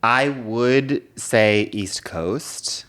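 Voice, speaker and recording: A man's voice: medium pitch, very slow, fairly bright tone. A man co-hosting a podcast in casual comedic chat, agreeable and easygoing. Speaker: podcast co-host.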